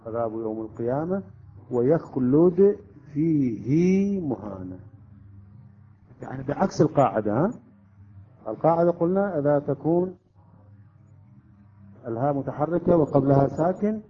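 Man teaching, quizzing his class. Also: medium pitch. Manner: explains step by step, quizzing students often. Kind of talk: classroom lesson on Quran recitation rules. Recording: dull lo-fi recording.

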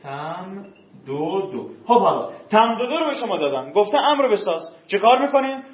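A man's voice: high voice, big pitch swings. A male teacher giving a classroom grammar lesson, drilling verb forms and quizzing his students. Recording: dull, roomy classroom recording.

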